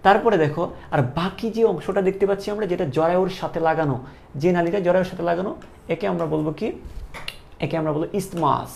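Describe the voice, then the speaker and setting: A man's voice: high-pitched, quick pace, gravelly, darkish tone, a little hiss or hum. A male teacher giving a classroom lecture, asking questions and repeating each answer to drill the terms.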